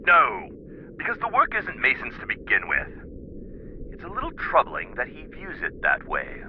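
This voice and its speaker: A man's voice: mid-range voice, wildly swooping pitch, moderate pace, slight background noise. An actor playing a busy, confiding male scientist in a video game, matter-of-fact, in dull-sounding audio. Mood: confiding, certain.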